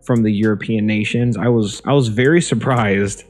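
A young man vlogging casually from a small room at home, talking into a desk microphone in front of a green screen, chatty and relaxed, often repeating himself and saying um. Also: fairly low pitch, normal speed, soft background music. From Ohio, USA. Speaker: YouTube vlogger. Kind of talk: casual vlog talk. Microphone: desk microphone near the face.

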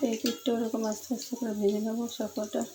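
A woman's voice: on the high side, monotone, quick pace, background noise. A woman talking viewers through a home cooking recipe, chatty and pleading with them to try it. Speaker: home cooking channel host. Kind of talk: casual cooking demonstration voice-over.

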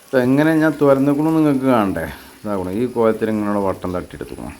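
A man, chatting briskly as he explains his farm work in a casual vlog, outdoors on a farm plot. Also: lowish voice, very animated, darkish tone. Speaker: vlogger.

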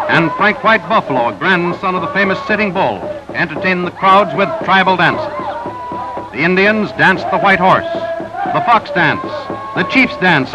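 High-voiced man narrating an old newsreel. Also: background noise. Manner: brisk announcer delivery of results. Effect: old 1930s newsreel soundtrack. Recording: dull lo-fi 1930s newsreel with music. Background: music bed.

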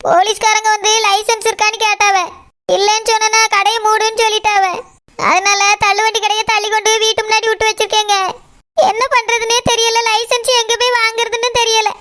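A woman's voice: very high voice, little pitch movement, fairly quick, bright, forceful tone. A woman with a Tirunelveli Tamil accent voicing a tearful, scolding village mother-in-law in a cartoon. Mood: lamenting. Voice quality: wailing, complaining. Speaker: cartoon character. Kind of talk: cartoon voice acting.

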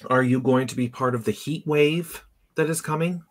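A man's voice: medium pitch, normal speed. Chatty male live-stream host. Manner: chatty, rambling, greets viewers by name. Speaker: podcast host. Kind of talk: casual live-stream chat.

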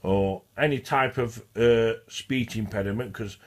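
In this laid-back vlog monologue, a stuttering male vlogger speaks in a mid-range voice, a little on the slow side. His talk wanders and loops back, with phrases restarted and said again.

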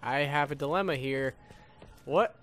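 This man, a gaming YouTuber, mutters questions to himself and curses lightly as he casually narrates his gameplay live. He speaks at a measured pace in a medium pitch with a fairly bright tone. Game audio sits faintly in the background, and there's a touch of hiss or hum.

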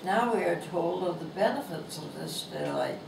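In a Canadian bookstore, a nonagenarian author reads her funny essay slowly and gently, with evident amusement. Her voice is thin and not strong, lowish, with vocal fry and pitch that swoops wildly. The lapel-mic recording, shot from across the room, carries distant, echoey shop sound and background noise.

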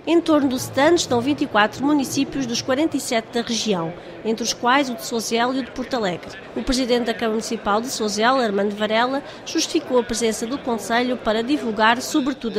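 A woman reporter reading a scripted news voice-over in an even, measured way. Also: on the high side, crowd noise. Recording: voice-over with music bed.

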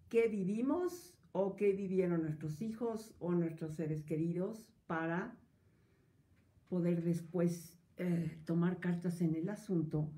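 A woman psychologist hosting a live-streamed talk, speaking slowly and emphatically and addressing her viewers directly. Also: on the low side, mellow, husky. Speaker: psychologist and host. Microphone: earphone headset. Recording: dull lo-fi stream audio.

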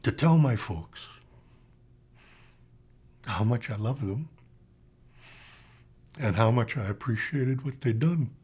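A man's voice: medium pitch, animated, slow pace, pauses often, a little mellow, husky, highs cut off. A man in a documentary interview, speaking earnestly and reflectively. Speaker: interviewee, former activist.

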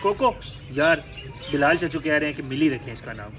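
A young man chats playfully with his animals, scolding and coaxing them. His voice sits a little higher than most men's. Loud birdsong and chirping run behind him in the yard. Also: expressive, brisk, noisy background. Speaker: pet and bird vlogger. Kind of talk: casual vlog narration talking to pets. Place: home yard with pet cages. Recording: outdoor recording with loud birdsong.

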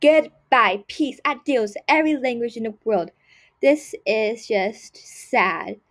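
A woman takes her time voicing a snobby rich girl for a gameplay role-play skit, her slightly high voice full of snooty disdain. The character is haughty and dismissive, forever saying "like" and "ew," and the audio quality is poor.

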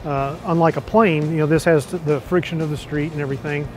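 A middle-aged museum manager explaining an old car, knowledgeable and matter-of-fact, in a large museum hall on a lapel mic. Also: male voice, fairly high pitch, fairly even intonation, fairly quick, soft background music. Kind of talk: explaining to an interviewer.

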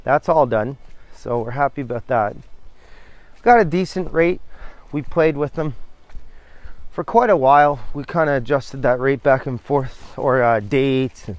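Walking through gusty woods by the coast, this middle-aged man from New Brunswick rambles and interrupts himself while filming a casual hiking vlog on a handheld camera. He speaks a little slowly in a mid-range voice, and there's no echo.

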